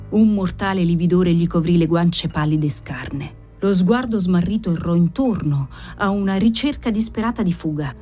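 A woman reading a novel aloud as an audiobook narrator, with an expressive delivery. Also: on the low side.

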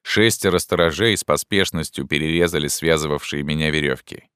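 Very deep-voiced male audiobook narrator. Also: fairly quick, a bit bright, smooth, no echo, studio quality. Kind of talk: first-person audiobook narration. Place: studio.

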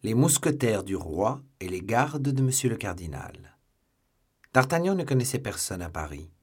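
A man's voice: on the low side, sing-song, moderate pace, breathy edge. A man narrating a classic novel as an audiobook, reading steadily. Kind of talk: scripted narration.

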